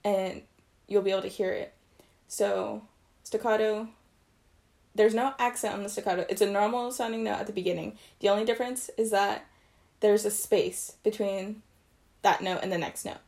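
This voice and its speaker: A woman's voice: mid-range voice, fairly even intonation, normal speed, creaky, darkish tone. A young woman and trumpet player teaching articulation basics in a casual video, chatty and correcting herself as she goes. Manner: chatty, self-correcting, loose explanations.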